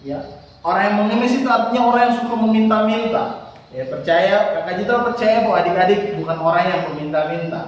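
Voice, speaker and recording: A man's voice: high-pitched, fast talker, dull audio. A man telling a Bible story to children at a Sunday service, asking them questions as he goes. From Indonesia. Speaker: Sunday school teacher. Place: church hall. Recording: echoey hall from far off.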